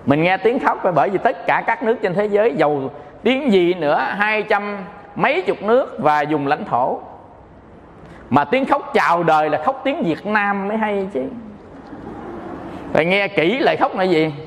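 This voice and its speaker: A man with a high voice and a Southern Vietnamese accent, teaching as a Buddhist monk. He jokes as he preaches and keeps asking if his listeners understand. His voice rings out in a hall with a long reverb. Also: lively intonation, normal speed. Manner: playful, joking, often checks the audience understands. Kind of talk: dharma talk sermon.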